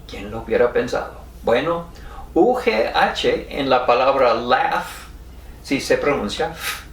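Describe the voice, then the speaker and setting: A man with an American accent explains spelling at an unhurried pace, spelling each letter out one by one. He sits back from the mic, so his voice sounds distant, and the room around him echoes. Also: mid-range voice, lively intonation. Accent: American English. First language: English. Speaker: teacher.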